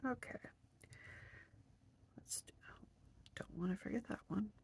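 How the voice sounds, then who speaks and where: Whispering in a medium-pitched, slightly mellow and creaky voice, a stuffy-nosed woman crochets on camera a little slowly. She talks to herself casually during the hands-on demo and murmurs stitch counts.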